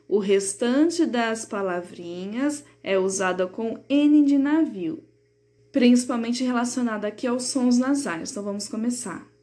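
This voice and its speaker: A woman, teaching a third-grade class in a recorded remote lesson. She explains the textbook patiently and slows down to sound out example words. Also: fairly high pitch, darkish tone.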